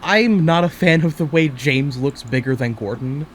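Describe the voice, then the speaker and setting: A man co-hosting a chatty podcast, rambling through his points with plenty of fillers and restarts and the odd swear. His voice sits at an ordinary middle pitch, with a faint hiss of noise behind it. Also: normal speed. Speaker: podcast co-host. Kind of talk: casual chat.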